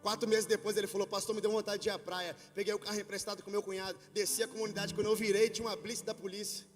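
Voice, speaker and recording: A Brazilian man preaches a sermon with a high, ringing voice. He tells a story in a low, hushed way and then builds to loud shouted preaching. The sound carries a long hall reverb with faint music underneath. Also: level tone, rapid-fire. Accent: Brazilian Portuguese. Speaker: pastor. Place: church hall with worship band.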